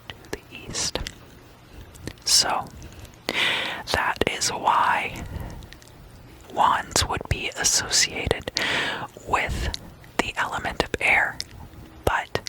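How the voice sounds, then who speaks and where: An ASMR host whispers a guided meditation lesson in a soft, breathy, unvoiced voice. The pace is unhurried, with words often repeated softly, and the audio quality is poor.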